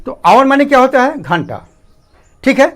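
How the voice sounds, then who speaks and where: A man teaching a grammar lesson, slow and repetitive, often asking students to pay attention. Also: very high-pitched, very animated.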